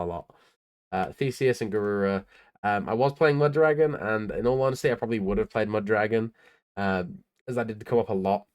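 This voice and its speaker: A tired young man casually talking through his tournament card deck in a laid-back, rambling way, with lots of ums and uhs. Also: fairly low pitch. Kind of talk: casual deck profile talk.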